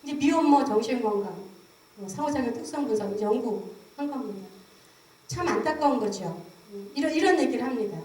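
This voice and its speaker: A woman's voice: fairly high pitch, brisk. A middle-aged woman, a professor, giving a lecture and acting out how mothers talk to their babies. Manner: acts out mothers' words to babies in a lively voice. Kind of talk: seminary public lecture. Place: lecture hall. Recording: echoey hall, mic at a distance.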